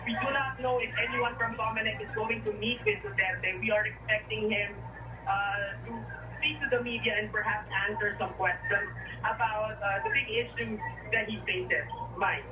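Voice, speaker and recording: A woman reporting live from a press scrum, speaking haltingly and unscripted as she searches for words. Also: mid-range voice, fairly even intonation, music in the background. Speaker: field news reporter. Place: crowded office building hallway indoors. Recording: noisy, distant live location feed. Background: commotion of a media scrum.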